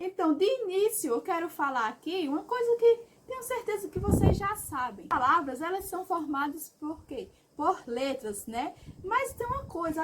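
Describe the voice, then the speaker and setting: This is a woman teaching grammar on video as a Portuguese teacher, her voice high-pitched and a bit bright. She answers her own questions, pronounces example words slowly and clearly, and finishes phrases with a checking "tá?".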